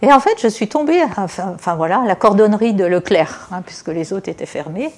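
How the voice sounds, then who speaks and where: A woman's voice: mid-range voice, expressive, a little fast. A woman giving an informal sermon, reading scripture and then explaining it in a chatty way full of asides and fillers. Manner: warm, explanatory, addresses the congregation directly. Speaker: preacher.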